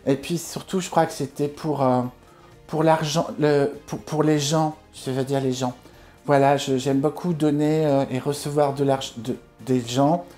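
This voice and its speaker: A man's voice: on the high side, steady tone, unhurried, warm tone, faint music behind, pitched above the performer's own voice, close to an everyday voice. A man voicing a vain, ditzy, money-loving female beauty influencer in a parody vlog, gushy and affected. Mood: smug, airheaded. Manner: affected, airheaded, hesitant.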